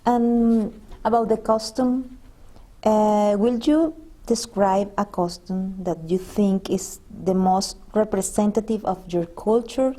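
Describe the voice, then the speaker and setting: Woman from venezuela asking questions in english, spanish first language, soft mellow voice, kinda halting. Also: mid-range voice, fairly even intonation. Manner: hesitant, halting questions with restarts. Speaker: interviewer. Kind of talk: unscripted interview questions.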